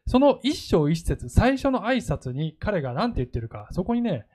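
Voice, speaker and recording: A man's voice: high voice, normal speed. A male pastor preaching a sermon, telling stories and acting out quoted lines. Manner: lively storytelling, acts out quoted lines.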